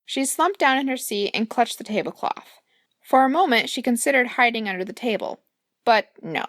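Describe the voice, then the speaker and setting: A woman's voice: fairly high pitch, lively intonation, normal speed, fairly bright tone, dry recording, studio quality. A woman, the author, reading her own fairy-tale audiobook, playful and speaking asides to the listener. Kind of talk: audiobook narration.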